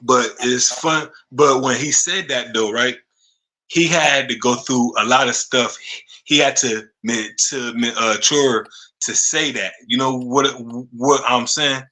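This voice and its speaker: A man in his thirties hosting a podcast interview, talking casually and haltingly, often repeating words and saying "you know what I'm saying.". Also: medium pitch, pushed and bright, low-quality recording. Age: 30s. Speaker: podcast host.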